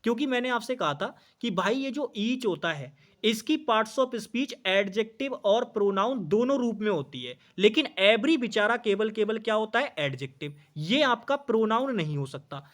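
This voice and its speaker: A man's voice: sits high, expressive, measured pace, fairly bright tone. A man teaches an exam-prep English grammar lesson. He keeps asking questions and answering them himself, and he repeats each key point. He calls his students brother as he goes.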